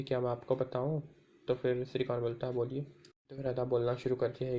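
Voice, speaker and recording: Man recapping a drama in a flat monotone. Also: medium pitch, dull audio. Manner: retells the scenes in sequence, reading each character's lines himself. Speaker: episode recap narrator. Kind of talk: recap narration of a drama episode.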